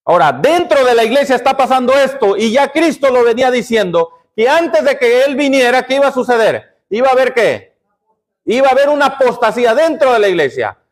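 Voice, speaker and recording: A man pastor preaching a sermon, constantly asking the congregation questions and answering them himself. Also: very high-pitched. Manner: call-and-response questioning of the congregation.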